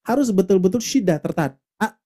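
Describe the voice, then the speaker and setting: A man teaching a Quran recitation class, explaining patiently and demonstrating letter sounds, often ending phrases with a soft tag word. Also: fairly high pitch, moderate pace.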